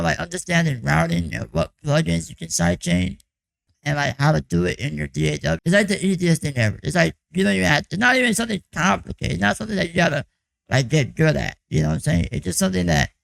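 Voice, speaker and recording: A young man gives a casual vlog check-in about his music production boot camp, talking loosely and rambling with lots of "like" and "you know." His hoarse, raspy, croaky voice sits high with a fairly bright tone, and the recording is rough.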